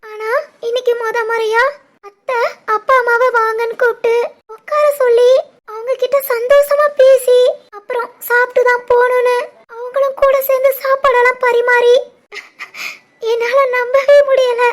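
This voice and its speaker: A woman with an extremely high-pitched voice plays a tender, emotional young pregnant village wife in an animated family drama. She speaks at a moderate pace with a Tirunelveli Tamil accent, in a soft, tearful way.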